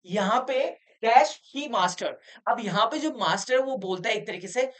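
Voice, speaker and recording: A woman teaching an English lesson in Hindi, often asking the students rhetorical questions to check they follow. She reads English sentences slowly, then explains them in Hindi. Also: on the high side, expressive.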